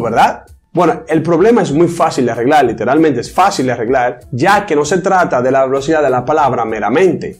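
A man's voice: a little high, a little mellow. Man teaching to camera, explaining directly. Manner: explanatory, addresses viewer directly. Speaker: English teacher. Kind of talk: video lesson.

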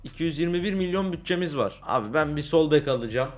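A man's voice: on the high side, expressive, quick pace. A young man casually commenting on a football career-mode game, talking to viewers and swinging between cheer and grumbling. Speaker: gaming YouTuber.

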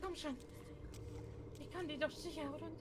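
A woman's voice: high-pitched, steady tone, moderate pace, natural voice. A woman playing a frightened young woman in a live game roleplay who panics, babbles to herself and slips into Spanish exclamations. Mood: panicked. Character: frightened young woman lost in a horror scene. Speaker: roleplay streamer. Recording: game noise behind the voice.

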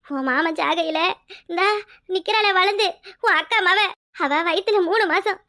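A woman's voice: very high-pitched, normal speed, bright, forceful tone, exaggerated voice. A woman voicing a worried, tearful older village mother and sister in a cartoon, pleading and scolding. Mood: grieving. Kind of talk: cartoon voice acting.

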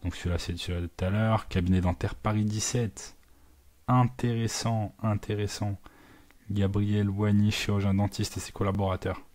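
A man with a deep, steady voice talks through his own work as it happens. His pitch barely moves, and he fills the gaps with hesitations and small sound words, easily mixing English terms into the flow. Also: a little fast. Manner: thinks aloud with many fillers and sound words; mixes English business words into French. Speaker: digital marketing agency owner. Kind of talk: live screen walkthrough, casual.

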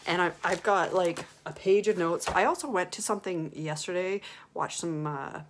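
Excited woman rambling on a phone live. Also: lowish voice, moderate pace, slight background noise. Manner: excited, upbeat, rambling with fillers. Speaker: live-stream host. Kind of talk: casual Facebook live chat.

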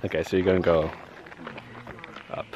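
A man's voice: sits low, flat delivery, moderate pace, a little mellow, muffled recording. A man in his twenties, vlogging with a camera at arm's length on a bush walk and at a train station, teasing and playful. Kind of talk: casual chat. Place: forest trail outdoors, then a train station. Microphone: handheld camera at arm's length.

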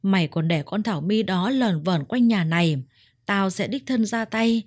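A woman's voice: medium pitch, normal speed, darkish tone, dry recording, clean studio sound, natural voice. A woman voicing a stern, protective older mother-in-law who speaks firmly and bluntly. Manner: firm, blunt scolding.

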